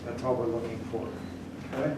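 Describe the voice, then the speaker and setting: Teaching statistics at the whiteboard, an older German-native man talks briskly in a medium-pitched, steady tone. He is informal and blunt, repeatedly checking in with the class. The sound is noisy and echoey, captured from afar by a camera at the back of the room.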